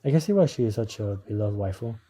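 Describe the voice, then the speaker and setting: A man's voice: lowish voice, animated, quick pace, mellow. A man narrating a scripted review as an anime reviewer.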